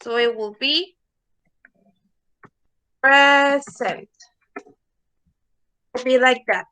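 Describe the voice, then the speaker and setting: Speaking at normal speed in a slightly high, fairly bright voice, a woman gives an English lesson in an online class, though the audio quality is poor. She stays patient, repeats words, and frequently checks in with "okay?"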